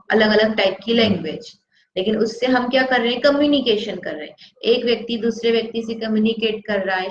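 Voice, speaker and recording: A woman with a fairly high voice teaches a scripture lesson. She keeps putting questions to her listeners and then answers them herself. The sound is roomy and dull, like an old lo-fi recording. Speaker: religious teacher. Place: studio.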